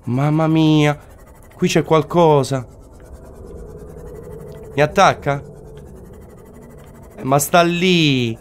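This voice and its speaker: A man's voice: fairly high pitch, drawn-out words, pauses often, slight background noise. A man commentating his own video game play, exclaiming and repeating short phrases over and over. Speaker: gaming commentator.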